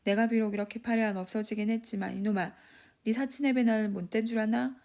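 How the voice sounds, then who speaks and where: A man's voice: high-pitched, steady tone, fast talker, vocal fry, a little mellow. A woman voicing a drunken, boastful one-armed father who rambles and scolds in Gyeongsang dialect. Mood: drunk scolding.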